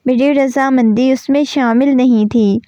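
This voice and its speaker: A proud, defiant young woman from a romance novel snaps back sharply, read by a woman narrator. The voice is fairly high and mellow, and the recording sounds dull and lo-fi. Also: fairly even intonation, no echo, natural voice.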